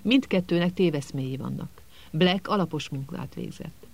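A man's voice: on the high side, creaky. A man voicing a cold, contemptuous male teacher who hisses and sneers in an audiobook. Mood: sneering. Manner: hissing, contemptuous.

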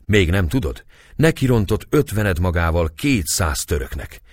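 A man reading aloud and voicing a gruff, hearty middle-aged castle lord who speaks in a raised, booming voice. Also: sing-song, no room sound. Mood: blustering.

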